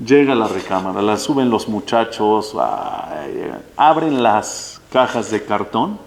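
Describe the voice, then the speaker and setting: A man with a Mexican Spanish accent, a rabbi giving a lively sermon full of storytelling, acting out both sides of a phone call as he teaches. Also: fairly low pitch, unhurried. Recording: long hall reverb.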